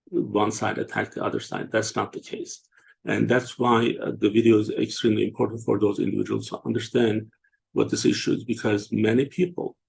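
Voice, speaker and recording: A man from Turkey, hosting a casual online discussion and talking haltingly with many fillers and restarts. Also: fairly low pitch, darkish tone, slight background noise. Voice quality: gravelly, husky. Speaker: show host.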